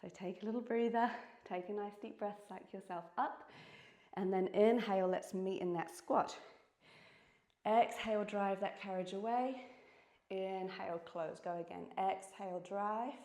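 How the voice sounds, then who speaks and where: A woman's voice: medium pitch, fairly even intonation, unhurried, darkish tone. A woman with a New Zealand accent leading a reformer workout class, out of breath and encouraging as she exercises along. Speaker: fitness instructor. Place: indoor reformer studio. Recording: echoey studio room.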